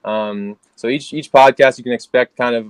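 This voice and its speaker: A man's voice: mid-range voice, moderate pace, clear, resonant tone, no echo. A man, co-hosting a casual podcast and rambling with lots of fillers and restarts. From Philadelphia, USA. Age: 20s. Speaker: podcast co-host.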